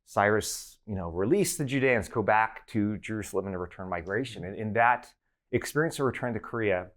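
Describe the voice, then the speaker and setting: Relaxed low-voiced American man telling stories. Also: fairly quick. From United States. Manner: relaxed, storytelling with fillers and restarts. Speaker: guest professor. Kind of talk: conversational interview.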